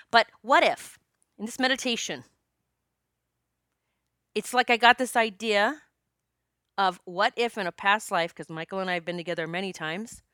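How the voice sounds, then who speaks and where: In a dry, studio-quality recording, this past life regression practitioner in her fifties sounds pushed and bright at a mid-range pitch. She tells stories chattily and jokingly, quoting dialogue, in a relaxed spiritual monologue.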